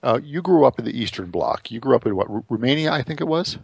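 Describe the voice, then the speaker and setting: A man's voice: mid-range voice, lively intonation, fast, creaky, darkish tone, slightly rough, no room sound. A middle-aged American man hosting an interview show, talking casually and often stumbling over repeated words as he starts his sentences. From United States. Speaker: radio show host.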